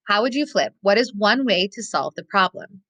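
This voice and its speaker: A woman teacher giving a recorded lesson, thinking aloud step by step and slowing down to stress key words. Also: mid-range voice, expressive, fairly bright tone, no room sound, rough recording. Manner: models thinking aloud, slows to stress keywords.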